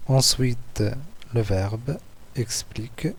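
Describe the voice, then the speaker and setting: A man with an Algerian French accent, walking through written school exercises as a teacher, slowly repeating words and syllables. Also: medium pitch, a little hiss or hum. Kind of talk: slow, patient lesson walkthrough.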